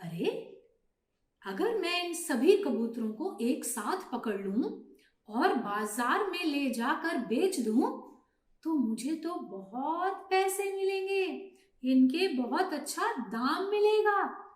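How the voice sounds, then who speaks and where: A woman's voice: high-pitched, very animated, slow pace, exaggerated voice. Woman playing a greedy bird catcher, gleeful and scheming, storybook telling. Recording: echoey room.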